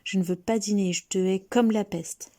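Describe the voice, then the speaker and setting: A woman's voice: mid-range voice, fairly even intonation, normal speed, mellow, lightly acted. A woman voicing a sulky, stubborn young boy who talks back defiantly.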